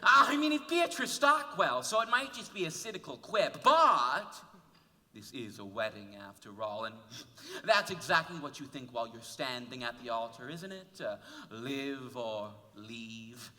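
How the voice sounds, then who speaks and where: A man's voice: mid-range voice, sing-song, unhurried, bright, forceful tone, full character voice. A man playing a wistful narrator who muses and confides to the audience, in a stage musical. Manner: chatty, musing, confiding to the audience. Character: wistful man narrating a favorite cast album. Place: school auditorium stage. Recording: roomy hall taped from far off.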